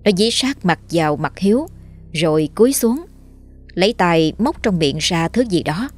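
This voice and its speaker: A woman narrating a ghost story in a steady, dramatic storytelling voice. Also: lowish voice, moderate pace, soft background music.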